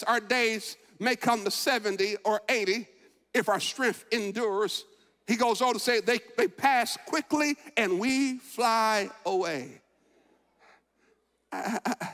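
In a large church sanctuary with long, echoing reverb, a pastor in his forties delivers a sermon from the pulpit in a high, ringing voice. He takes it slowly, moving between loud, shouted declarations and quiet reflection, and repeats words and phrases for emphasis.

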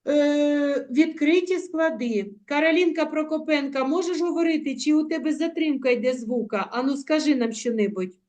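A woman teaching young children in an online class, coaxing them with diminutives and drawing out words slowly for them to repeat. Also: high-pitched, a little mellow. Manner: affectionate, coaxing, uses diminutives; slow, drawn-out word modelling. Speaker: primary school teacher. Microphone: video call.

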